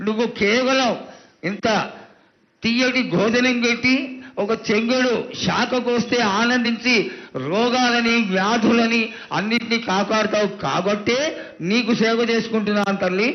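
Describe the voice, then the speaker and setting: A man's voice: high-pitched, highs cut off. A man speaking as a priest, reverently pleading with and questioning a mother goddess in a devotional, supplicating way.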